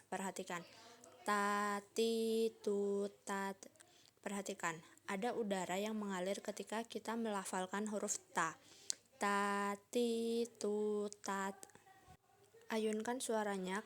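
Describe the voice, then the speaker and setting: A young woman from Indonesia giving a recorded pronunciation lesson, explaining and modelling each sound in a careful, instructive way. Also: mid-range voice. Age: young adult. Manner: slow, careful, instructive delivery. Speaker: student.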